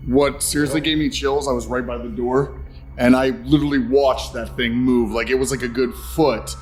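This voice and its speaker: A man's voice: medium pitch, fairly even intonation, moderate pace, a little mellow. A man on a paranormal investigation team, talking casually like an eyewitness giving an account. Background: music.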